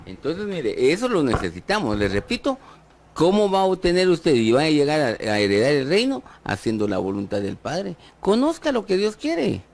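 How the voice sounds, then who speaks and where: A man's voice: on the high side, wildly swooping pitch, moderate pace. A man with a Guatemalan accent preaching a sermon, asking his listeners rhetorical questions and joking with them. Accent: Guatemalan Spanish. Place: church.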